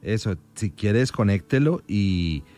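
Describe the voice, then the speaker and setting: A man's voice: on the low side, lively intonation, measured pace, warm tone, soft background music. A man hosting a call-in radio show, friendly and coaxing as he draws a caller out. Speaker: radio host.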